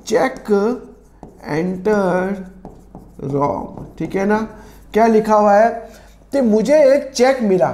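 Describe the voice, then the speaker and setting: A man with a sore, hoarse throat teaching an accounts lesson, asking and answering his own questions and repeating key phrases. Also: high-pitched, warm tone, reverberant. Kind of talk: classroom-style lesson explanation.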